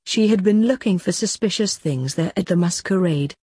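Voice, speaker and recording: A woman reading a sci-fi story aloud as narrator, in a steady, plain manner with a husky voice. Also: fairly low pitch, moderate pace, no echo.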